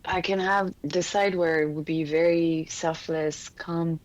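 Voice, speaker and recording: Low-voiced woman telling her healing path. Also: fairly even intonation, measured pace, no echo, muffled recording. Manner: earnest, explains with frequent restarts and small laughs. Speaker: energy healer guest. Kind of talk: casual interview conversation.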